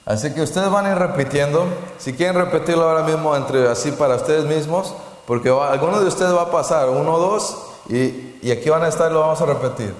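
A man's voice: a little high, brisk. A man giving a church talk, teaching the Hebrew alphabet in an informal way, often restarting his sentences and leading the group in repeating letters. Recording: echoey hall with long reverb.

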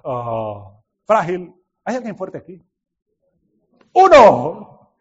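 A man preaching a sermon in an animated way, dropping to soft asides and rising to shouted exclamations, often laughing. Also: high-pitched, extremely slow, slightly rough. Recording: dull lo-fi recording.

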